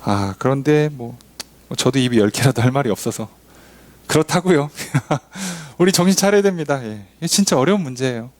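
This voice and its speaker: A man's voice: medium pitch, moderate pace. A man, a pastor leading a Bible study, teaching in a casual, conversational way, asking rhetorical questions and acting out quoted voices. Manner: animated, acts out quoted voices, asks the congregation questions.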